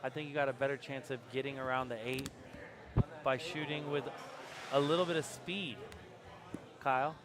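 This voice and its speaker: A man's voice: medium pitch, fairly even intonation, moderate pace, pauses often, crowd noise. A man in his forties commentating live pool, giving tips to amateur players in a coaching tone. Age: 40s.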